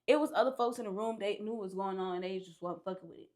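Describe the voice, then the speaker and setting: A woman's voice: medium pitch, fast talker. A woman guest on a podcast, casually telling a long story with profanity and acted-out quotes. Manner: animated, profane, acts out quotes.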